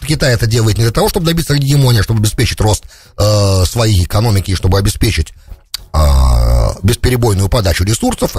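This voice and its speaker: A middle-aged man delivers off-the-cuff political commentary as a radio host, speaking close to a studio broadcast mic on a boom arm. His voice is fairly low, darkish and a bit breathy, with no echo, and he peppers his speech with English terms.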